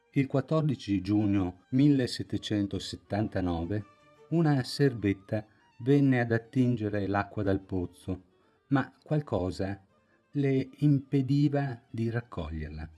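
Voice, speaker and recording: A man giving scripted documentary narration as a voice-over, in a slow, measured storytelling manner. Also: fairly low pitch, warm tone.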